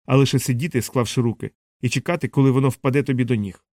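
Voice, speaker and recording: A man's voice: medium pitch, fairly even intonation, fast talker, a little mellow, no room sound, clean studio sound, natural voice. A man reading the lines of a haughty, curt wealthy man in a cold, dismissive tone. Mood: sharp. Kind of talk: audiobook character reading.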